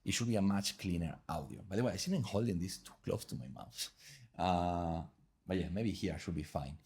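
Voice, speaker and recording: Guy chatting loosely through a mic review at home, lowish voice. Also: brisk, darkish tone. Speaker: gear reviewer. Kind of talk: casual product review. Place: home room with open window. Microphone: wireless lav mic under test.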